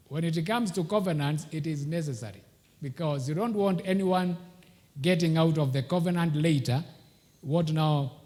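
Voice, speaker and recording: A man's voice: on the high side, in a large hall. A man, a pastor preaching a sermon at a live church service. He speaks emphatically and asks rhetorical questions, then answers them himself.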